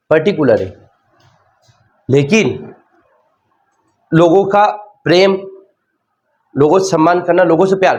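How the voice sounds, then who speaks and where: A man's voice: a little high, muffled recording. Hindi-accented man teaching sociology. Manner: repeats key terms, asks and answers his own questions. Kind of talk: classroom lecture.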